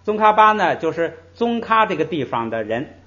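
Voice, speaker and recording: A male language teacher gives a patient, classroom-style lecture, drawing out example syllables and often dropping in "hey" and other little interjections between points. His voice is on the high side, sing-song, and fairly bright at a normal speed, on a slightly muffled recording.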